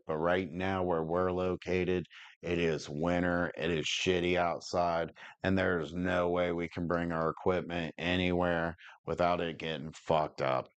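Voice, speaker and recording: Deep-voiced, laid-back stoner man. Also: level tone, a little slow, clear, resonant tone, dry recording. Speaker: co-host of a cannabis podcast. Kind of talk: casual livestream chat.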